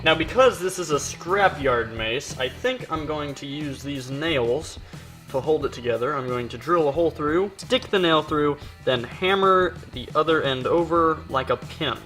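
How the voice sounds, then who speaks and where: A man's voice: on the high side, unhurried, music in the background, rough recording. A man explaining a metal build in his workshop in a casual, chatty way, joking at his own expense. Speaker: maker and video host. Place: home workshop, not soundproof.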